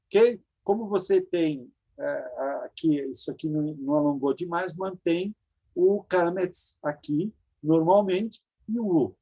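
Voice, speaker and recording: In an online Hebrew grammar lecture over video call, a Brazilian woman speaks unhurriedly in a fairly low, warm, husky voice with a Brazilian Portuguese accent. She explains things patiently, going over forms again for her students.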